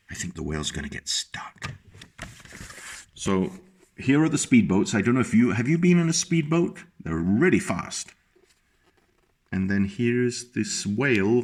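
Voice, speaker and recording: A man with a medium-pitched voice reads a picture book aloud to young children, animated and pausing to explain the pictures to his small listeners.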